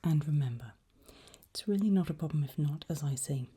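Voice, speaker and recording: A woman whispers through an ASMR roleplay as an examiner, her voice breathy, husky and deep. She is gentle, reassuring and encouraging, with lively intonation and a slightly fast pace.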